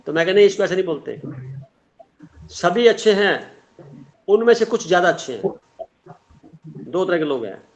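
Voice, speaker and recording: A middle-aged man teaching a spiritual class, explaining earnestly with everyday examples and sayings. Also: on the high side. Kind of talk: online class talk. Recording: dull lo-fi sound.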